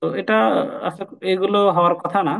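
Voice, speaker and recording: A man with a somewhat high voice leads an informal Quran recitation class. He explains each rule patiently, says key points twice and slows right down to chant the Arabic examples. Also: steady tone, a bit bright, poor audio. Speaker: Quran teacher.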